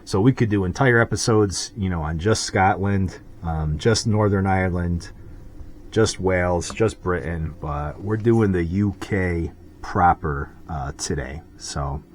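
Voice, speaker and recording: A man's voice: sits low, a little hiss or hum. An American man hosting a casual drawing vlog, talking in a rambling, chatty way full of asides. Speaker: host.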